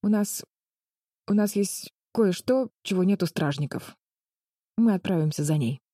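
A woman's voice: mid-range voice, expressive, a little slow, dark tone, no room sound, clean studio sound. A woman voicing a brave thirteen-year-old girl who argues eagerly and insistently. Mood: urgent.

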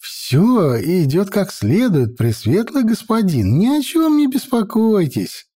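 A man voicing a frightened, wheedling male slave steward who squeaks and pleads. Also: huge pitch swings, slow pace, mellow, heavily acted.

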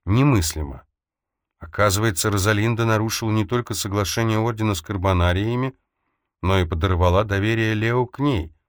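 Reading a scripted audiobook, a lowish-voiced man tells the story steadily and with measured calm, captured in a dry, clean studio recording.

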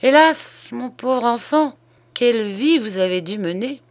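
A woman reading an elderly retired male detective in an audiobook, a bit slower and higher than her narration. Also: expressive. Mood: agitated.

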